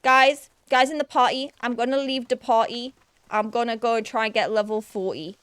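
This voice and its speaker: A young woman from Yorkshire, England, chats casually and thinks aloud while streaming an online game, her Yorkshire accent carrying a touch of Newcastle. Her voice sits a little high and a bit bright, with a clean tone at a normal speed, recorded dry. She's self-deprecating and keeps restarting her sentences.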